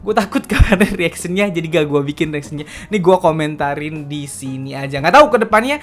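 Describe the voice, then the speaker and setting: With soft music playing in the background, an Indonesian K-pop news vlogger in his late 20s talks fast and casually, chatty, confessional, and slangy, often finishing with "gitu." His voice is on the high side with lively intonation.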